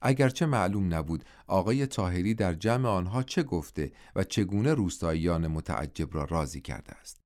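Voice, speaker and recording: A man narrating an audiobook novel in a measured, steady way. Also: deep voice.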